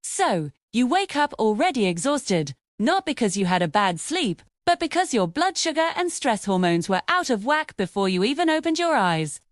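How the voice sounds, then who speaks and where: A woman's voice: fairly high pitch, sing-song, moderate pace, hardly any pauses, no echo, studio quality. A woman hosting a health channel in a vlogger style, reading a scripted explainer and addressing viewers directly.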